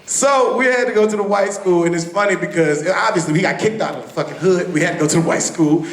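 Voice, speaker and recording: High-voiced, profane stand-up comedian. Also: male voice, fast talker. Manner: profane, animated, bursts into shouting. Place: comedy club stage. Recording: echoey comedy club room.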